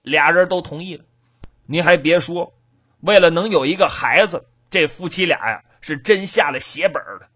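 A man telling a folk tale in an animated, rhythmic oral storytelling style. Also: on the high side, moderate pace, breathy edge.

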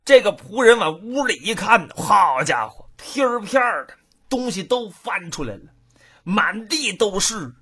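Lively husky storyteller voice. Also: mid-range voice, measured pace. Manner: lively, shifts between narration and character voices. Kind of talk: traditional storytelling performance.

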